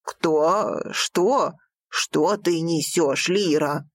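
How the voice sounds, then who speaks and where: A woman voicing a distraught, stern father in an audiobook, speaking in a slow, heavy, scolding way. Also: deep voice, no echo, heavily acted. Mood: angry. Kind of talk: audiobook character voice.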